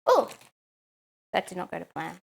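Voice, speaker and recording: A woman's voice: on the low side, huge pitch swings, normal speed, gravelly, a little hiss or hum. A woman chatting casually on a live stream while she cooks at home, answering chat with lots of "um"s.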